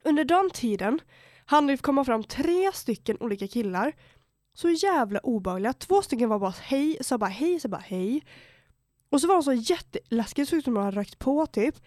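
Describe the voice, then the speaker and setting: A woman's voice: high voice, expressive, a little mellow, dry recording, clean studio sound. A teenage girl from Borås, telling a story on a podcast with lots of slang, swearing and acted-out quotes. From Borås, Sweden. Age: teenager under eighteen. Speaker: podcast host. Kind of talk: casual storytelling chat.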